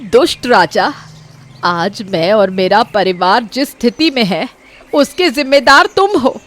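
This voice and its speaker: A woman's voice: on the high side, animated, a little slow. A woman voicing a grieving, fierce village mother. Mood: grieving, defiant. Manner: pleading, emotional, rising to anger.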